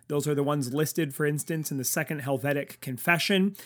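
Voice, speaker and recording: Higher-voiced man adding precise corrections. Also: fairly quick. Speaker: panelist. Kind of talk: theological panel discussion.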